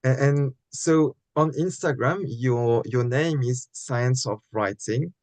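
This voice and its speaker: A man's voice: mid-range voice, takes it slowly, darkish tone, no echo. Polite male interview host, dry sound. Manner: polite, formal introductions. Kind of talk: live online interview.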